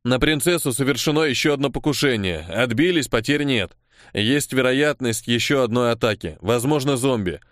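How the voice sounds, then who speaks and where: A man's voice: mid-range voice, lively intonation, moderate pace, fairly bright tone, no room sound, clean studio sound, lightly acted. A man reading an audiobook, voicing a curt, practical army major who reports by radio. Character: gruff army major, brisk, matter-of-fact.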